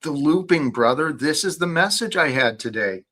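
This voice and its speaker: A man's voice: a little high, animated, moderate pace, fairly bright tone. A man hosting an earnest spiritual discussion in a preachy, emphatic way. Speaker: host of a faith discussion.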